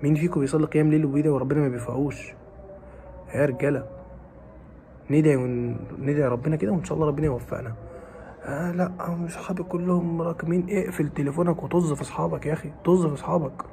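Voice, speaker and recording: A man with an Egyptian Arabic accent giving students a fast, pleading and scolding pep talk, repeating his phrases. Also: fairly high pitch, steady tone, mellow, a little hiss or hum. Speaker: motivational talker for exam students.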